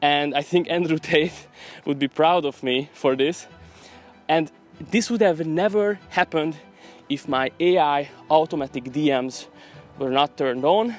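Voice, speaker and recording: A man's voice: fairly high pitch, measured pace, faint music behind. A man talking casually to camera in a vlog while walking outdoors, in an upbeat, salesy, chatty way. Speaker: vlogger.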